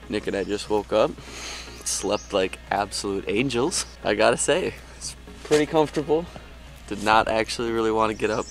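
A young man talking upbeat and friendly to the camera from a campsite and a small tent, recorded on a camera mic. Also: lowish voice. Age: young adult. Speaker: camping vlogger. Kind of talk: casual vlog to camera. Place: truck bed tent and campsite outdoors.

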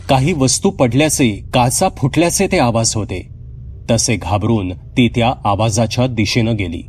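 A man telling a horror story in a measured, suspenseful scripted narration. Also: fairly low pitch, a little mellow, a little hiss or hum.

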